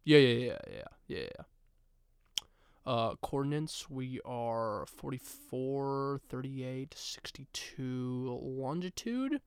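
A man voicing a sneaky male sleeper agent cat who mutters coordinates over a radio in a low, conspiratorial voice. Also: lively intonation, takes it slowly, smooth, no room sound.

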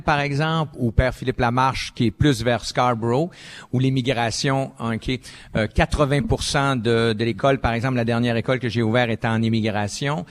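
An older man with a Québécois accent answers a panel question. He talks at a middling pitch, stops and restarts often, and leans on fillers as he gathers his thoughts. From Quebec. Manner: hesitant, many fillers and "ok"s. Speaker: panelist, former school principal.

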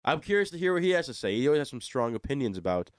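A man's voice: medium pitch, big pitch swings, racing, no echo, clean studio sound. A young American man with a stuffy, plugged-nose voice hosting a casual sports talk radio show, chatty and self-deprecating. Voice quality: congested, stuffy-nosed, sounds like plugged nose. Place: radio studio. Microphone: desk studio microphone.

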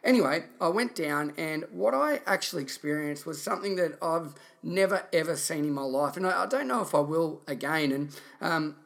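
Male podcast host, Australian accent, somewhat higher pitch, earnest informal storyteller with a reflective bent. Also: lively intonation, moderate pace, creaky, hardly any pauses, a bit bright. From country Victoria, Australia. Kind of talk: personal storytelling monologue.

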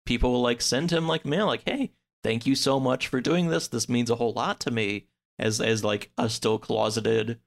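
This man's voice is creaky and medium in pitch, with fairly even intonation and a normal speed. As a podcast guest in a casual chat, he rambles through a story, scattering "like" everywhere and voicing what each character said.

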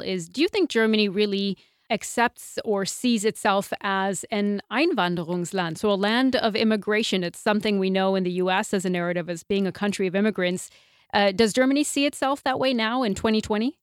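A woman hosting a radio interview, asking measured, precise questions. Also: mid-range voice, clear, resonant tone, dry recording, clean studio sound. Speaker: host.

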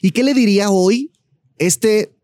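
Host guy, high voice, super eager, dry mic. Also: lively intonation, fast talker, a little mellow, no echo. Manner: enthusiastic, eager interviewer. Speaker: podcast host. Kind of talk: casual interview chat.

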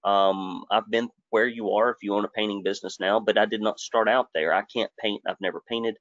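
Man in his thirties, low-voiced and folksy, running a webinar over a dull, dry computer mic. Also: steady tone, a little fast, fairly bright tone, dry recording. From Alabama, US. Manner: folksy, joking, conversational. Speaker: webinar presenter. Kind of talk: live webinar presentation.

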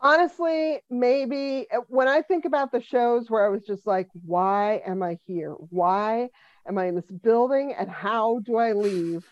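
In a casual podcast interview, a Denver comedian and musician in her fifties talks dryly and laughs often. Her voice sits on the high side at a measured pace, recorded lo-fi with no echo.

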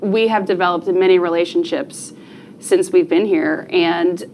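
A woman's voice: fairly low pitch, steady tone, measured pace, darkish tone, slight background noise. A woman from New Jersey answering questions as a podcast guest in an earnest, conversational way. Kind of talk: podcast interview.

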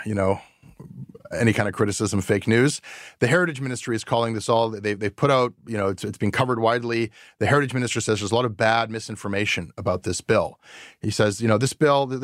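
A man's voice: fairly low pitch, no echo, clean studio sound. A man hosting a podcast, talking casually and rambling with lots of fillers. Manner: rambling, chatty, many fillers. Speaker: podcast host. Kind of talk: casual chat.

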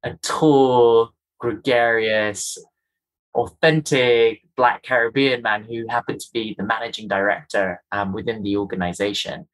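A Kenyan man with a faint, polished accent speaks as an interview guest, reflecting earnestly and emphatically on his own experience and repeating key phrases. His voice is lowish and fairly even in intonation, a little slow, and the recording is rough.

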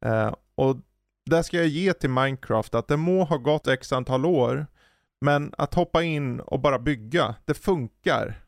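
A man co-hosting a podcast, chatting casually and telling lively anecdotes about playing games with his kids. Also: mid-range voice, vocal fry, dry recording, studio quality. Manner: lively storyteller, acts out anecdotes. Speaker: podcast co-host; parent. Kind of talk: casual chat.

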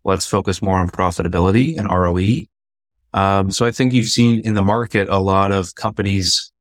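A man with a somewhat low voice talks through market conditions in a relaxed, analytical way, leaning on fillers as he thinks. The sound is dry and close, with no room around it. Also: no room sound. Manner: confident, analytical, frequent "like" fillers. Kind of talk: casual investing discussion.

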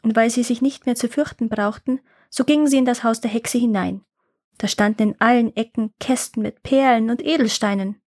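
A woman narrating a fairy tale in a calm, measured storytelling manner. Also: fairly high pitch, no echo, clean studio sound.

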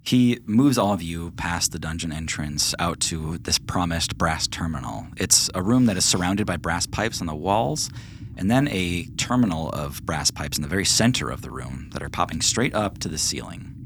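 A man narrating as game master of a tabletop game, relaxed and chatty with plenty of fillers. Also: deep voice, moderate pace, slight background noise.

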